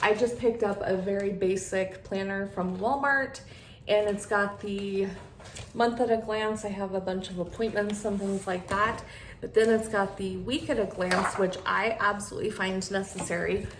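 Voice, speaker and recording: A woman's voice: medium pitch, fairly even intonation, normal speed. Lady doing a chatty sit-down vlog, bit of a lisp from her retainer, roomy echo, some background noise. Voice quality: slight lisp from wearing a new retainer. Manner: friendly rambling chat addressed to viewers. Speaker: beauty vlogger and channel host. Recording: echoey room with clear background noise.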